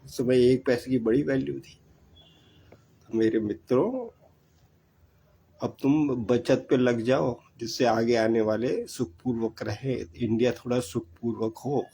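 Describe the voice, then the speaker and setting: A man's voice: medium pitch, unhurried, creaky, mellow, slightly rough, low-quality recording. An older man giving earnest, repetitive advice about saving money. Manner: preachy, repetitive, exhorting. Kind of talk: earnest monologue.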